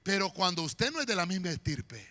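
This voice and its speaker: Pastor preaching, really high bright voice, jumps all over, big church echo. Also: male voice, sing-song, brisk. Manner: preaching with shouts and sudden drops to a murmur. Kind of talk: sermon. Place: church sanctuary. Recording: long church hall reverb.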